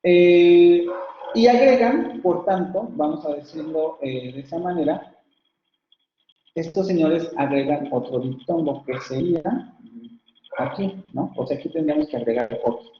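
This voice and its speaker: A man's voice: a little high, unhurried. Mexican man lecturing with fillers. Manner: explanatory, frequent fillers and self-corrections. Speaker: university phonetics lecturer. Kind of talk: online lecture. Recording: echoey, dull lo-fi online class audio.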